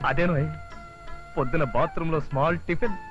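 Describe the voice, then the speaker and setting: An actor playing a fond, teasing young husband in a comedy film, reciting love verses in a slow, drawn-out way. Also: male voice, on the high side, fairly even intonation, highs cut off, close to an everyday voice. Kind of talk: comic film acting. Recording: film soundtrack with loud music.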